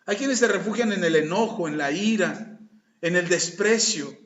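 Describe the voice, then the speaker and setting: A man's voice: high voice, moderate pace, a bit bright. A man with a Mexican Spanish accent, preaching a conversational sermon as pastor and acting out little dialogues. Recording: echoey room, dull lo-fi sound.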